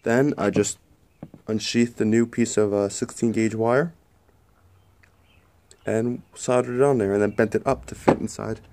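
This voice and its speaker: Speaking at a measured pace with many pauses, a home mechanic describes fixing a car part at his workbench under a garage tent while holding his phone close with one hand. His lowish voice is steady and a little mellow, with slight hiss or hum, and his manner is plain and a touch apologetic.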